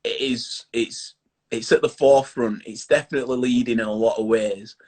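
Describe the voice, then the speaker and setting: A man's voice: mid-range voice, steady tone, normal speed, darkish tone. Upbeat Yorkshire man hosting a chat show. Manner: chatty, upbeat, plain-spoken. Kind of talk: casual video-call chat.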